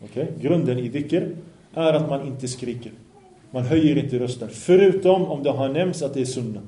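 Speaking with a dark tone at medium pitch, a religious teacher recites Arabic passages during an Islamic study lesson, then translates and explains them while questioning his listeners. The room is echoey.

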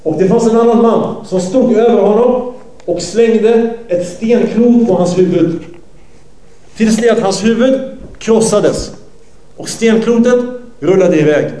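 A man's voice: high voice, warm tone, roomy sound, low-quality recording. Man som berättar en predikan med hög röst. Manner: translating and retelling as he goes, self-correcting. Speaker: preacher. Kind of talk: sermon retelling a hadith.

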